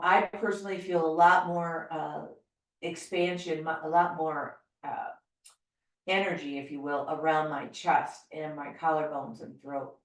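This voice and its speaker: A middle-aged American woman leading a yoga class, calmly and gently cueing breath and movement. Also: on the low side. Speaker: yoga teacher. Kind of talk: guided yoga class instruction. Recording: very echoey room, voice from far off.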